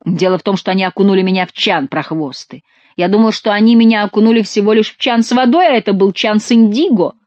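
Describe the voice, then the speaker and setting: A woman's voice: mid-range voice, quick pace, a little mellow, no room sound, muffled recording, pitched above the performer's own voice, natural voice. A woman voicing a hot-tempered young male courtier who curses angrily. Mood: furious. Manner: angry, cursing.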